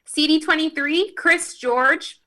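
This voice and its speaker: A woman on a video call reading out a roll of names slowly and carefully, with apologetic asides. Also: high-pitched, sharp tone. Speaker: meeting roll-call reader.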